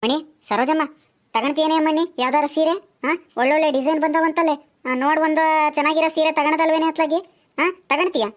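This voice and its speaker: A woman playing a bossy, high-voiced village woman. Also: steady tone, a little fast, lightly acted. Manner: nagging, teasing back-and-forth chatter. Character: chatty, bossy village woman shopping for saris. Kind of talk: village comedy skit.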